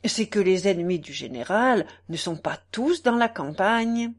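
A woman reading the lines of an earnest male gendarmerie lieutenant in a storybook, in her own lively voice. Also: medium pitch, measured pace.

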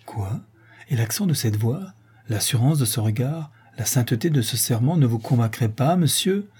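A man's voice: medium pitch, animated, moderate pace, a little mellow, slightly rough. A man voicing an indignant woman who cries out in her friend's defense in a read-aloud novel. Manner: indignant, exclaiming.

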